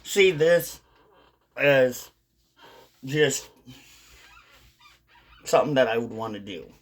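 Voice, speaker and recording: A man with a mid-range, expressive voice speaks slowly in a casual, unscripted vlog monologue for his dipping tobacco channel. He rambles, often repeating or rephrasing what he's just said.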